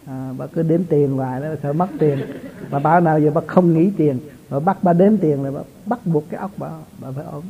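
Chuckling teacher, tinny recording. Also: male voice, a little high, a little fast, gravelly. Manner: chatty, chuckles often, storytelling. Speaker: spiritual teacher. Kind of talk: informal religious talk to followers.

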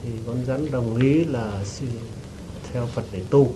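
A man of middle pitch recounting events he says he witnessed, speaking haltingly and clearing his throat often. He addresses a teacher with deference. The recording is noisy, with steady rain in the background. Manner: hesitant and halting, with frequent restarts and throat-clearing. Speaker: devotee giving testimony. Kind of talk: telling a personal story to a teacher.

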